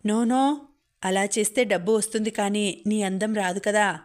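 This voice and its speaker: A woman's voice: mid-range voice, measured pace, close to an everyday voice. A woman voicing a brash, scheming young man who taunts and boasts, in a storybook reading.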